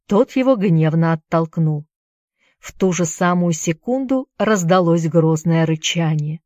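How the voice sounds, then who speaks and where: A woman narrating a story in a steady storytelling manner. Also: on the low side, measured pace, no echo, studio quality. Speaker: audiobook narrator. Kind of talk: scripted narration.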